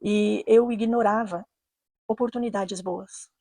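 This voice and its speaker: A woman's voice: medium pitch, fairly even intonation, darkish tone, no echo. Earnest Brazilian woman recounting a story. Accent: Brazilian Portuguese. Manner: earnest, measured, repeats phrases for emphasis. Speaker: storyteller, channel host. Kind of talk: personal true-story narration.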